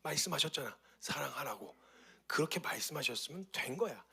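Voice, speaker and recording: A calm, soft-spoken old missionary , as a man speaking quickly quotes him offers gentle reassurance. His voice is gravelly and a little husky, rather high for a man. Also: full character voice. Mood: reassuring.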